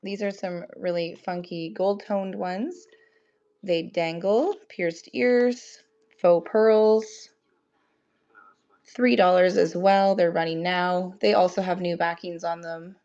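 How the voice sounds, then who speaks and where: A young woman sells items on a live stream, casually chatting and greeting viewers by name despite a cold that leaves her voice tired and thin. She speaks slowly on the low side, steady and a little mellow. Faint music plays under the dull, lo-fi recording.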